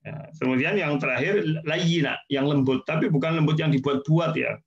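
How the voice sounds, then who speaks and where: A man giving a relaxed religious lecture, explaining points repetition and friendly asides. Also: a little high, normal speed, gravelly. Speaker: Islamic teacher. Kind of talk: casual sermon lecture. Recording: dull lo-fi sound.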